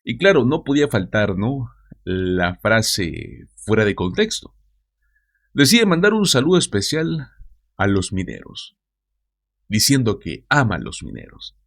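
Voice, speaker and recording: A man's voice: lowish voice, sing-song, unhurried, a bit bright. A man hosting a news commentary show, talking straight to his viewers with mocking asides.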